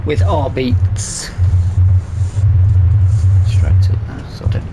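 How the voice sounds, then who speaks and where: A man with a Northern English accent gives casual let's play commentary for a gaming video, muttering and grumbling to himself as he plays. His mid-range voice swings widely in pitch and draws out words over loud music. Loud vehicle engine noise plus farming game vehicle and ambience sounds fill the background.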